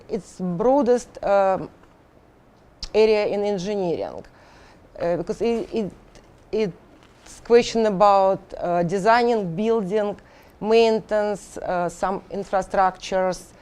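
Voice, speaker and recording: In an interview, a middle-aged Russian engineering instructor speaks haltingly with a Russian accent, using lots of fillers and starting over repeatedly. Her mid-range voice has a dark yet clean tone.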